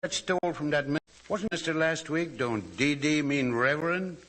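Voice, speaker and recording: A man's voice: a little high, very noisy, natural voice. An actor playing a dim-witted, eager police officer in a 1940s radio comedy, muddled in his words. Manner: slow, muddled.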